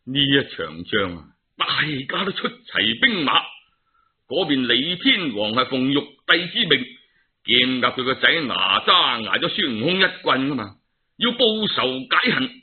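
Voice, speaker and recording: A man with a Cantonese accent tells a traditional tale in a dramatic, theatrical, colloquial style packed with exclamations. His medium-pitched voice is sing-song and unhurried, and the sound is narrow and tinny like a phone.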